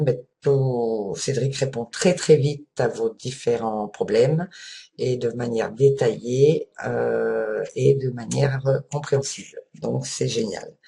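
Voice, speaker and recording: A woman giving an earnest, enthusiastic testimonial as a holiday rental owner, pausing on fillers. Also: a bass voice, creaky, warm tone.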